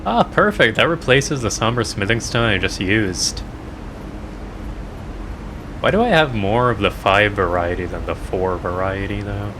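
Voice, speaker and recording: A man's voice: on the low side, unhurried, pauses often, background noise. A man streaming a game, chatting playfully and joking to himself as he plays. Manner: playful, jokey, talking to himself. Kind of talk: casual gameplay commentary.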